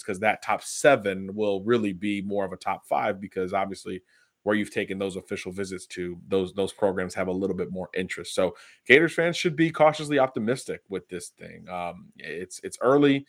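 Low-voiced man giving recruiting analysis. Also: fairly bright tone, no room sound, clean studio sound. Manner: confident, analytical, many "uh" fillers. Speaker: football recruiting analyst guest. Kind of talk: interview answers.

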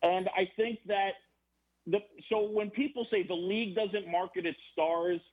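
A man, a baseball broadcaster guest on a podcast, talking in a rambling, animated way with many restarts. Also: high voice, measured pace. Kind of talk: casual podcast conversation. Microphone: phone or remote call. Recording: tinny phone line.

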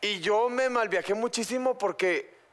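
High-voiced man cutting in eagerly. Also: moderate pace, a bit bright. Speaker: co-host. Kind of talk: comedic podcast banter.

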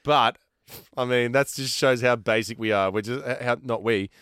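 A man with an Australian accent co-hosts a podcast in loose, casual banter. His voice is clear and medium in pitch, recorded very dry. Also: moderate pace, a bit bright, no echo. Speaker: podcast co-host.

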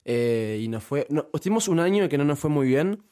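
The young YouTuber guest from Uruguay has a fairly high, smooth, mellow voice that's expressive and moderately paced. He speaks with a Uruguayan Spanish accent in a casual podcast interview, stumbling through many restarts and fillers.

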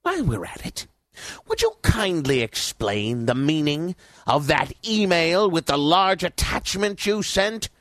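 A man playing a miserly, bullying radio station boss in an audio drama, haughty, fussy and sharp in manner. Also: a little high, big pitch swings, a little slow, dry recording, studio quality. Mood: scornful, irritated.

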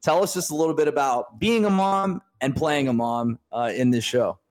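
A man hosting a casual interview, asking halting, friendly questions. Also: fairly high pitch, a little mellow. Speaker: podcast host.

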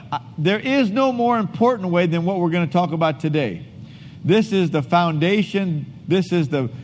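A man's voice: high voice, a little hiss or hum. A man preaching a sermon as pastor, leading the congregation in reading scripture aloud together and in call-and-response. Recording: long hall reverb.

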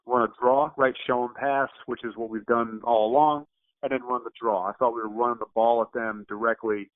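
A man's voice: mid-range voice, steady tone, a little fast. A man calling in over a muffled phone line, a former offensive lineman analysing a football play call step by step, with frequent fillers. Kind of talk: sports analysis chat.

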